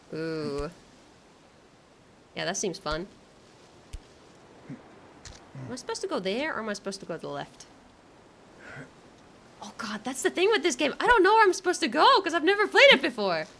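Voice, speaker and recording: A woman with a medium-pitched voice casually commentates a game live for her stream chat, sounding excitable and nervous with giggles and exclamations. There is slight background noise.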